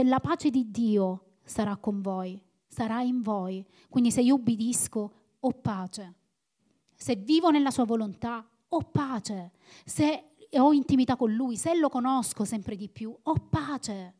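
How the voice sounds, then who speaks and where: Earnest woman preaching, somewhat high voice. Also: dark tone. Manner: earnest, exhorting, repeats phrases for emphasis. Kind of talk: sermon.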